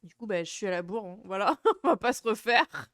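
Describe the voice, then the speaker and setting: A woman's voice: mid-range voice, expressive, brisk, a bit bright, dry recording, studio quality. A woman hosting a livestream in casual chat, with a cute, playful and rambling, hesitant way of talking. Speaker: VTuber livestream host.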